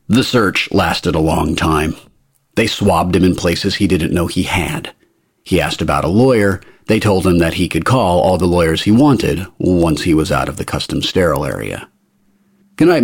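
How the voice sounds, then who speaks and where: Deep husky male narrator. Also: moderate pace, no room sound, clean studio sound. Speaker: audiobook narrator. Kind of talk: scripted narration.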